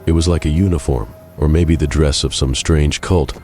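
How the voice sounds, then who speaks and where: A man narrates a game playthrough as a first-person tale, keeping his delivery measured and even. His voice sits extremely low and sounds dark and mellow. Faint music hums underneath.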